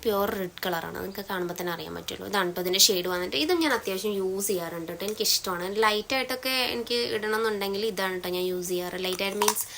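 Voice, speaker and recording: A woman's voice: medium pitch, rapid-fire, gravelly, few pauses, fairly bright tone, a little hiss or hum. A woman with a Malayali accent showing her collection in a casual, chatty vlog, tagging her sentences with little asides. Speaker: beauty vlogger. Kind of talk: casual product showcase.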